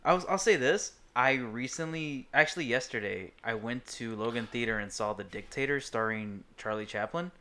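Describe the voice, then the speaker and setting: A man co-hosting a podcast, chatting in an excitable, rambling way. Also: medium pitch, moderate pace, hardly any pauses. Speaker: podcast co-host. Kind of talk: casual chat.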